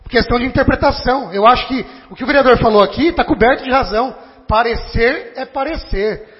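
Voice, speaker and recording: A man with a Brazilian Portuguese accent, speaking as a city councilman in a formal debate, halting and argumentative, often repeating words. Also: extremely high pitch. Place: council chamber. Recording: dull lo-fi recording with long chamber reverb.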